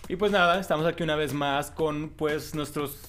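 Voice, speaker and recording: A man's voice: a little high, steady tone, normal speed, a bit bright, soft background music. A man with a Durango Mexican accent who hosts a podcast, bantering in a joking, slangy way with his co-hosts. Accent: northern Mexican, Durango. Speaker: podcast host. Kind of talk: casual chat.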